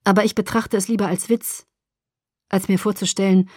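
Woman reading as a brooding, hushed young man. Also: mid-range voice, steady tone, normal speed, no echo, clean studio sound, natural voice. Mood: grave. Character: brooding young man, cold, teasing, sorrowful.

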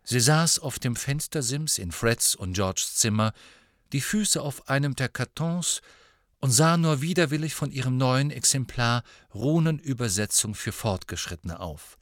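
Expressive male audiobook narrator. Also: mid-range voice, unhurried, no echo, studio quality. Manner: expressive storytelling. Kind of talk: scripted narration.

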